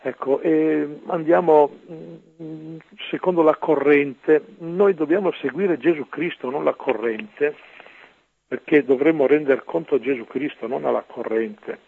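Gravelly husky priest preaching on the radio, thin phone-like sound, earnest and a bit preachy. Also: male voice, fairly high pitch. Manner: earnest, preachy, often pausing on "ecco". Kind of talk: radio scripture commentary.

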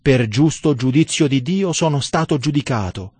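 A man's voice: medium pitch, expressive, normal speed, darkish tone, husky, no echo. A man reading the words of a dead man sitting up in his coffin, in a solemn, grave tone. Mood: dread.

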